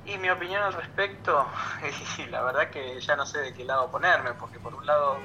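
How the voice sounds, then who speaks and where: A man's voice: on the high side, normal speed, sharp tone. Man calling in over a noisy phone line. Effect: heard over a phone line. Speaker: caller phoning in from abroad. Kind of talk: live phone interview on a radio show.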